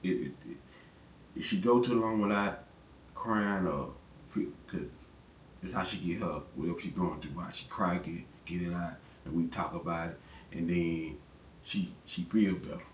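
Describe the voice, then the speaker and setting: A man giving relationship advice in a casual, rambling monologue, often repeating his words. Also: moderate pace. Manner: rambling, conversational, repeats phrases. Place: in his truck. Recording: roomy, distant mic, faint rumble.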